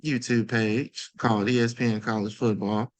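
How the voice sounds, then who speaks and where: Animated man on a sports podcast. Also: lowish voice, moderate pace, dry recording. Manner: animated, swearing, loose slangy delivery. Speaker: podcast co-host. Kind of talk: casual sports talk.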